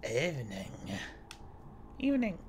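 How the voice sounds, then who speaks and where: A woman voicing a gruff old male groundskeeper, speaking in a slow, low drawl. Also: huge pitch swings, a little mellow, a little hiss or hum, exaggerated voice. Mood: laconic.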